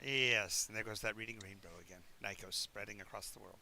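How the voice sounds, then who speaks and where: A man's voice: lowish voice, fairly quick, creaky, background noise. A man running a tabletop game on a live stream, rambling through descriptive narration with restarts. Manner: chewing while talking. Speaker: game master.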